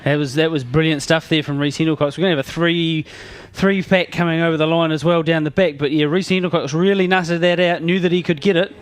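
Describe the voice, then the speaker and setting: A man's voice: fairly high pitch, fairly even intonation, fast talker, few pauses, smooth. A man giving conversational motorsport analysis as co-commentator, hesitantly rephrasing as he goes.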